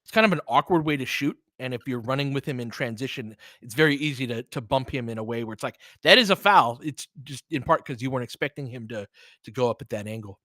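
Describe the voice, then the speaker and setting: Quick and sharp, a mid-range male voice runs through basketball play-by-play and analysis in an informal, opinionated way, dropping a little mild swearing. He works as a sports commentator and host, and there's no room sound on the recording.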